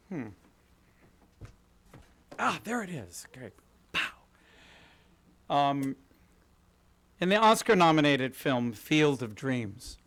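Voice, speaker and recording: A middle-aged man from Kansas City giving a prepared talk at a podium in an event hall, gracious and self-deprecating, telling stories in a polished way. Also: fairly high pitch. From Kansas City, USA. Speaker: guest speaker, interior designer. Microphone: podium microphone.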